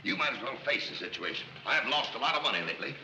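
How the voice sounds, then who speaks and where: An actor playing an exasperated wealthy father in a 1930s screwball film, gruff and blustering, with a gravelly voice. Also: mid-range voice, expressive, racing, sharp tone, a little hiss or hum, low-quality recording.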